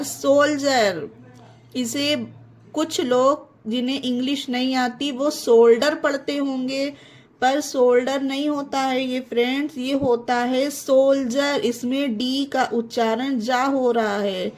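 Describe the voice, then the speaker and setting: A woman teaching English pronunciation in an online lesson, spelling words out letter by letter and calling her viewers friends. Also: high-pitched. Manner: spells words letter by letter slowly, then explains.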